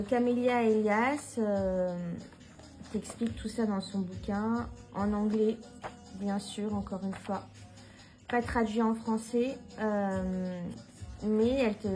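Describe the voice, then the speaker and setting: A woman speaking in a relaxed, unhurried casual vlog style, pausing often with fillers and restarting her sentences. Her delivery is frank and informal, with the odd mild swear, at a mid pitch. Faint music sits softly behind her. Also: low-quality recording. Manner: hesitant, full of drawn-out fillers and restarts. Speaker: tarot reader presenting books.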